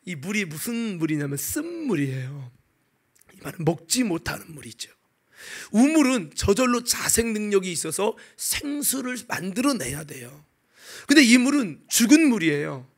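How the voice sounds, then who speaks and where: A male pastor with a very high-pitched voice delivers a sermon as animated storytelling. He jumps from loud, exclaiming bursts to quiet, lowered asides. He keeps throwing rhetorical questions at the congregation. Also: moderate pace. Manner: dramatic storytelling, swinging between loud exclamations and hushed asides.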